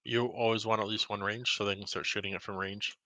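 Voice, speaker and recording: A man's voice: on the low side, little pitch movement, brisk, sharp tone. A man leading a raid over voice chat, explaining tactics and rallying the group. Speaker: raid leader.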